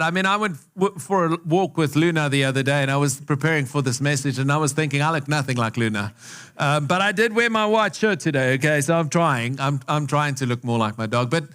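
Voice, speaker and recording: This pastor's voice sits high, pushed and bright yet smooth. A South African man with an American-influenced accent, he preaches conversationally to a live church-hall congregation, posing questions and repeating phrases for emphasis.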